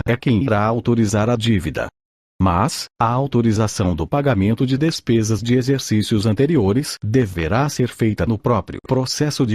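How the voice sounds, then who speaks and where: Audiobook narrator: synthetic man's voice in old text-to-speech style, impersonal, husky, recorded very dry. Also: lowish voice, a little mellow, no echo. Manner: mechanical, impersonal reading. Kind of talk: scripted audiobook narration, read aloud.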